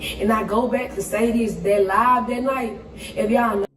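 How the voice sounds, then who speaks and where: A woman talks slowly and emphatically, drawing out each point. Her voice sounds distant and echoey, played from a video clip. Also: a little high, fairly even intonation, fairly bright tone. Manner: emphatic, repeating 'y'all'.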